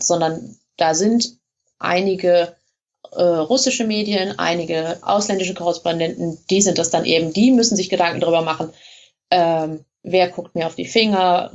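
A woman's voice: on the low side, gravelly, muffled recording. A woman blogger being interviewed, explaining things in a chatty way with frequent hesitations. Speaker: blogger in Russia, guest. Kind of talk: casual interview.

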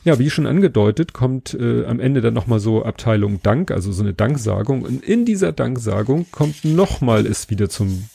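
A man hosting a podcast, giving a relaxed, casual spoken book review and pausing to search for words. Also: mid-range voice, gravelly, husky, no room sound.

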